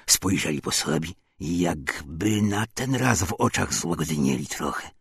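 A man's voice: deep voice, expressive, unhurried, creaky, husky, dry recording, studio quality. A man narrating a first-person story in folksy, old-fashioned rustic speech, often turning to address the listener directly.

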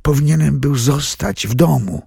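A man reading as a panicked ordinary man, husky voice. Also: fairly high pitch, moderate pace, no room sound, clean studio sound, voice pushed up, full character voice. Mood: despairing thoughts. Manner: shouting in panic. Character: ordinary adult man caught in a disaster.

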